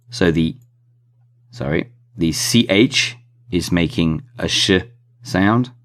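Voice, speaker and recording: A man's voice: low voice, fairly bright tone. A man teaching an English phonics lesson, spelling out letters and sounding out blends with careful emphasis on each keyword. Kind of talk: slow, deliberate phonics lesson.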